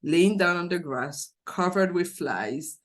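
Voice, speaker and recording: A woman's voice: fairly low pitch, animated, takes it slowly. A woman in her forties from Haiti with a Haitian accent, speaking as an interview guest, thoughtful and earnest, often restarting her sentences as she tells her story.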